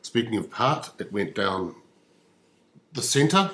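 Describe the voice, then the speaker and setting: New Zealand male comic, dry mock-professor delivery, low-ish voice. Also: big pitch swings, slow pace, fairly bright tone. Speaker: comedy musician. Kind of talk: comic stage monologue.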